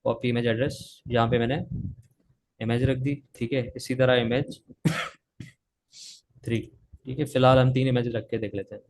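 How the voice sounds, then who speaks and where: Hoarse coding teacher on a call. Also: male voice, medium pitch, level tone, normal speed, pauses often, a little hiss or hum. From Pakistan. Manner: talks while typing, frequent "theek hai" checks. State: sore throat, coughing. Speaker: coding instructor. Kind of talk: live coding lesson on a video call. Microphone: video call.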